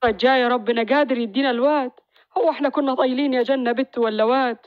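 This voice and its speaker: A woman voicing a gentle, teasing young village husband and father. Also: high voice, racing, dry recording, highs cut off, natural voice. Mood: reassuring. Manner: teasing, reassuring.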